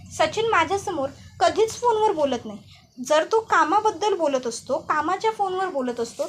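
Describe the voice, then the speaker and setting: A woman voicing a betrayed young woman who turns suspicious and vengeful, talking in an accusing, insistent way. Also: very high-pitched.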